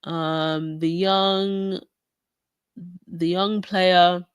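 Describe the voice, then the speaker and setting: With a lowish, smooth voice and fairly even intonation, this English podcast host draws out her words as she gives casual livestream commentary. She has a sniffly cold and talks loosely, restarting often and using many fillers. The sound is dry and studio quality.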